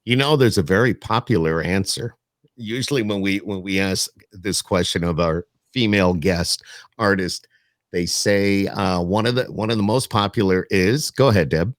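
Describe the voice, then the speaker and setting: In a studio-quality recording, a man whose voice sits low hosts a podcast at normal speed, interviewing guests in a casual chat. He frequently repeats his own agreement as he talks.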